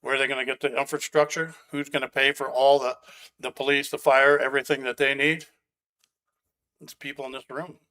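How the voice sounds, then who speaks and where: A man gives public comment at a county board meeting. He speaks bluntly, with sharp sarcasm and open anger. His pitch sits at an ordinary middle level for a man. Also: level tone, fairly quick, clean tone. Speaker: resident giving public comment. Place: county commission meeting room.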